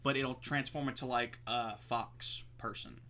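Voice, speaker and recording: A man's voice: medium pitch, steady tone, measured pace, sharp tone. A man co-hosting a podcast in casual chat, rambling with lots of fillers and swearing freely. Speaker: podcast co-host.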